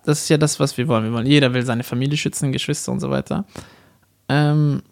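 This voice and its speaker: A man co-hosting a casual debate talk show, telling animated stories and acting out the people he quotes. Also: mid-range voice, quick pace. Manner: animated storytelling, acts out quoted dialogue. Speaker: co-host, stand-up comedian.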